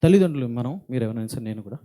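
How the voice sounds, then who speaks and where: A middle-aged man from India, preaching a church sermon in an earnest, deliberate way that builds in intensity. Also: mid-range voice, animated, mellow. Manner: earnest, speaks slowly and deliberately, rising in intensity. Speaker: pastor. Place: church hall.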